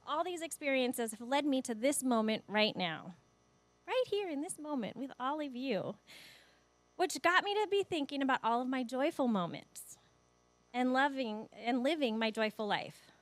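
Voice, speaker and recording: Emotional woman in her forties, high voice. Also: animated, normal speed, dry recording. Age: 40s. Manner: warm, emotional, laughs often. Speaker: guest speaker. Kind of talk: spoken sermon with personal stories. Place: church sanctuary.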